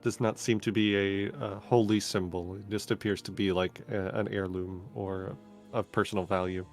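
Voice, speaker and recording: A man acting as game master, narrating a tabletop game in a measured way with frequent fillers. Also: fairly low pitch, flat delivery, gravelly, a little mellow, faint music behind.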